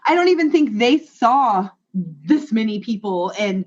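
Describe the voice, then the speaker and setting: A woman's voice: fairly high pitch, very animated, a little slow. A woman from the United States speaking earnestly in a casual online panel discussion, sometimes restarting mid-sentence. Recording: muffled web call audio.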